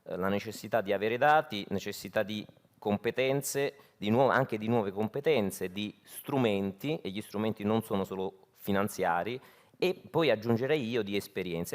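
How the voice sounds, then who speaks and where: A man moderating a conference, thanking and introducing speakers in an informal, spontaneous way. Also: on the low side.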